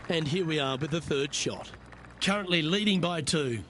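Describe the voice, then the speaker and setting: A man's voice: a little high, normal speed, background noise, natural voice. A man playing a lead golf commentator in a video game, calling play in a polished broadcast style. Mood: composed, appreciative.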